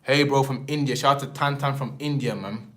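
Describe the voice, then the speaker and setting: Rambling through a laid-back live stream, a young English-accented man from England peppers his slang with tags such as "man" and "and that." His medium-pitched voice is a bit bright and a little fast.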